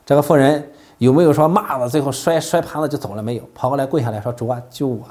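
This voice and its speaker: A man preaching a sermon, animated, asking the listeners rhetorical questions and coughing now and then. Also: mid-range voice, quick pace.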